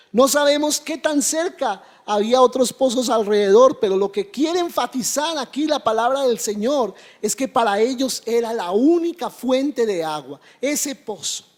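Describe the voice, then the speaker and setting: High-pitched man preaching in a reverberant church. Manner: preaching with call-and-response questions and repeated amens. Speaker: pastor. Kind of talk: sermon. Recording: long hall reverb.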